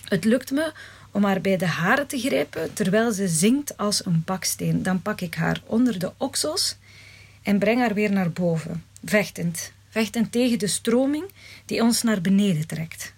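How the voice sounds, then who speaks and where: A woman reading a first-person story aloud in a measured, dramatic way. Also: medium pitch, animated, a little mellow, slightly rough. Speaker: narrator.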